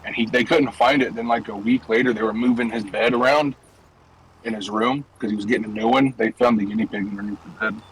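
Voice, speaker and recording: A man's voice: lowish voice, fairly even intonation, brisk, a little hiss or hum, low-quality recording. A young man streaming and chatting loosely from his car, rambling through stories with plenty of swearing. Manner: loose, profane, rambling storytelling. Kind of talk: casual chat while gaming and driving.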